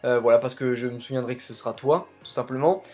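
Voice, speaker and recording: A man's voice: medium pitch, fast, darkish tone. A young man from France giving casual, improvised gaming commentary as a YouTuber, rambling and repeating the same filler phrase. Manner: casual, rambling, keeps saying "tout simplement". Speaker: YouTuber investigating game clans.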